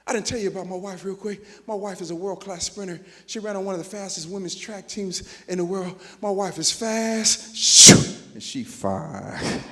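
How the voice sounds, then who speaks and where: A middle-aged man with a high voice speaks in a preacher-like style at a motivational keynote. He swings from quiet, drawn-out asides to shouted appeals. His words ring out with a long reverb across a large hall. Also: steady tone.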